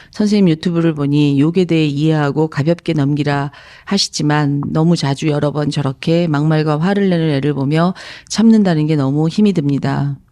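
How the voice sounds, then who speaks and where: A woman's voice: low-pitched, dark tone. A woman in her fifties, a psychological counselor, reading out a viewer's letter and answering it in an earnest, reflective radio-style talk. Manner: earnest, reflective, emphatic at times.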